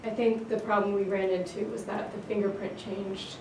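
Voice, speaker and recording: Woman in a casual tech discussion, pretty flat pitch, some fry, far from the mic. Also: normal speed. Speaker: team member in discussion. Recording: echoey room, distant mic, background noise.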